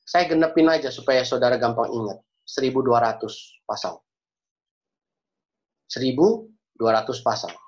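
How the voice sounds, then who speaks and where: A man's voice: mid-range voice, moderate pace, pauses often. A man preaching and praying as a pastor, speaking earnestly and repeating key phrases for emphasis. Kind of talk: sermon and prayer. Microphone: video call. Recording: dull lo-fi video call audio.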